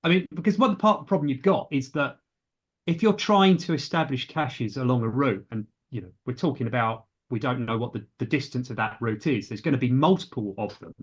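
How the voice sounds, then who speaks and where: A British man hosting a casual conversation, asking measured, thoughtful questions. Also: medium pitch, husky, muffled recording. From Britain.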